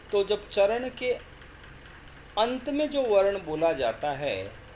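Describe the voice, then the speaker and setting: A man lecturing as a college teacher, explaining verse rules slowly, repeating words and drawing out the lines of couplets he recites. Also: fairly high pitch, a little hiss or hum. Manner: slow, repeats words, chants couplets drawn out. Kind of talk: explaining Hindi poetics lecture.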